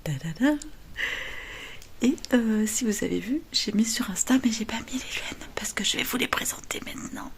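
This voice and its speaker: A middle-aged woman chatting casually to her viewers about knitting, speaking softly at home in a hushed half-whisper. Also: a little high, fairly quick, creaky, hardly any pauses. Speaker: knitting vlogger. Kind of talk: casual chat. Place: home, early morning.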